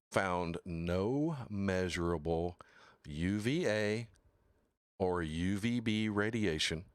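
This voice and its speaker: Recorded dry and at studio quality, a man runs a casual livestream talk show in which he reads quotes aloud and bluntly makes fun of product claims. His manner is mocking and profane, slow and deliberate, with sudden high-pitched exclamations.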